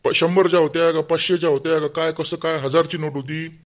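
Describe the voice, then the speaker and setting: A chatty, fussy village man, voiced by a man in a cartoon, with a Vidarbha Marathi accent. He rambles and grumbles, half to himself, at a quick clip. His voice sits a little high. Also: level tone, close to an everyday voice. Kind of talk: cartoon voice acting.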